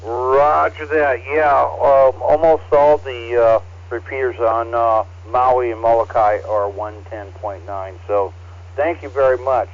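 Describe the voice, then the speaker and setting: A man acting as net control on an amateur radio net, heard over a ham radio transceiver, reading call signs in a relaxed, halting way. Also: mid-range voice. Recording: dull, lo-fi radio audio.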